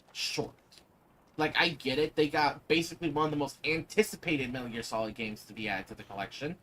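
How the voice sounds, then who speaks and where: A man chats casually over a game in a mid-pitched voice. He is opinionated and emphatic, with lots of rise and fall in his delivery. Faint noise sits behind him. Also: fairly bright tone. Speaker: gaming commentator. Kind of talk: casual chat over gameplay.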